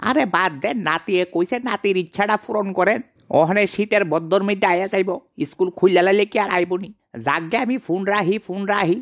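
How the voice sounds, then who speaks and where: A man's voice: high voice, fairly quick, muffled recording, pitched above the performer's own voice. A man voicing an elderly father-in-law who brushes things off on the phone. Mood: dismissive.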